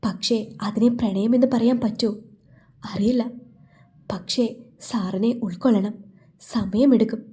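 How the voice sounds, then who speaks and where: A woman voicing a devoted young heroine in a storybook romance, speaking softly and with feeling. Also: on the high side, fairly even intonation, measured pace, long pauses, natural voice. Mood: pensive.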